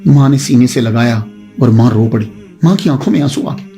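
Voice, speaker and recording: A man's voice: mid-range voice, expressive, dark tone, faint music behind. A male preacher telling a religious story in an emphatic, dramatic storytelling manner. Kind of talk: storytelling sermon.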